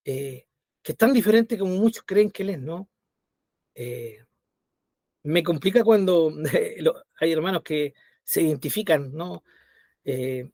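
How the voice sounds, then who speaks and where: A man's voice: a little high, a little mellow, no room sound, studio quality. A man teaching a Bible study, conversational and often checking in with his listeners. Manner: conversational, checks in with frequent tag questions.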